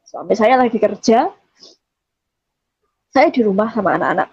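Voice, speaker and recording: A woman's voice: mid-range voice, expressive, moderate pace, darkish tone, breathy edge, no room sound. A woman from Java giving an earnest personal testimony, often quoting herself as she tells the story. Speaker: testimony giver. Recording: dull, dry recording.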